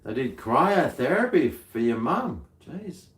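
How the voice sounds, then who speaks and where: Unhurried and medium-pitched, this middle-aged Australian livestream host lets his pitch swing widely. He chats casually, relaxed and blokey and full of slang, and the audio sounds roomy and echoey.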